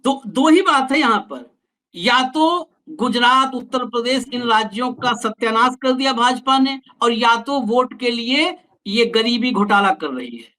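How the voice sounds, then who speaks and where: Bright-voiced male host, pointed and accusatory. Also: very high voice, lively intonation, a little slow, rough recording. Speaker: show host. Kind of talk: political discussion.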